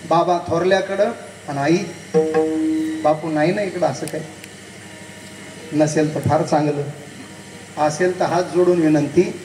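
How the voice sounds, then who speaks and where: A man's voice: a little high, steady tone, measured pace, long pauses, darkish tone, soft background music. A man preaching a devotional kirtan sermon, telling a story and acting out both sides of the conversation while speaking directly to the crowd. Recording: echoey hall, voice from a distance.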